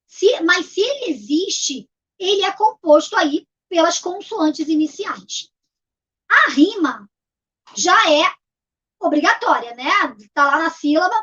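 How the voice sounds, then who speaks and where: High-voiced teacher, lo-fi. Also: female voice, a bit bright. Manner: patient, repeats key terms to explain step by step. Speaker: literacy teacher. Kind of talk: explanatory video lesson. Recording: dull lo-fi recording.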